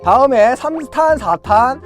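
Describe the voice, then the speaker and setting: An unhurried, high-pitched YouTuber provides excited VR gameplay commentary, being loud and playful and shouting at the game's characters. Soft music can be heard in the background.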